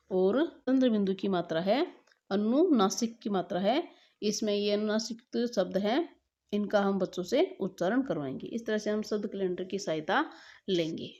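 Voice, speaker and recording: A woman teacher explaining a daily lesson plan in a measured, step-by-step way. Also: medium pitch, warm tone, highs cut off.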